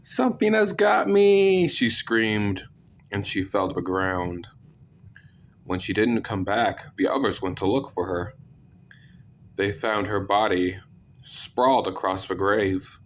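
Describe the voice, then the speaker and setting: A man with a congested, sick-sounding voice narrating scary stories, with deadpan, self-deprecating asides. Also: sits low, measured pace, pauses often, slight background noise. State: sick, clearing throat. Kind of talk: scripted story narration with casual asides.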